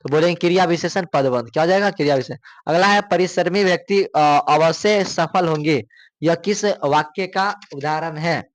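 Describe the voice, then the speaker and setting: A man's voice: a little high, moderate pace, dry recording. A male coaching teacher, running through exam questions, repeating each one and asking students for the answer.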